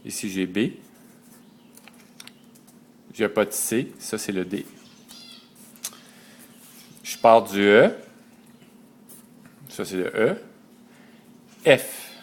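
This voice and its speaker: A man, slowly and methodically teaching a writing system letter by letter. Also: lowish voice. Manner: slow and methodical, spelling out letters one by one. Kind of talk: step-by-step lesson.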